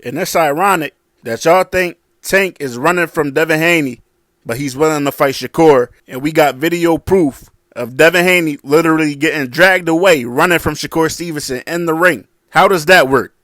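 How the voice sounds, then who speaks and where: A man's voice: a little high, moderate pace, a bit bright, no room sound, clean studio sound. A man giving casual boxing commentary in a blunt, slangy, combative way.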